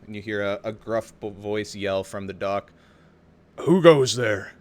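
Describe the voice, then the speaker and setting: A man's voice: lowish voice, monotone, moderate pace, smooth. A man narrating a tabletop game as game master, informal and hesitant, improvising as he goes. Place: home, over online voice chat. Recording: home voice chat with background ambience.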